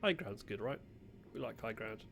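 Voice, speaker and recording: A man's voice: on the low side, expressive, normal speed, gravelly. A man, a gaming streamer, chatting playfully and sarcastically while he plays a strategy game. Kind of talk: let's-play commentary. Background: faint game music.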